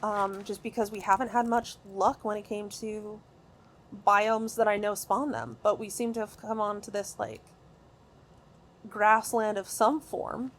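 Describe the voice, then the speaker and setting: An excitable woman talks her way through a video game from her home recording room. Her speech rambles and doubles back, full of fillers and restarts. Her voice sits at a middle pitch, with faint ambience in the background. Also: measured pace, slight background noise. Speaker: gaming video creator. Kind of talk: casual gameplay commentary.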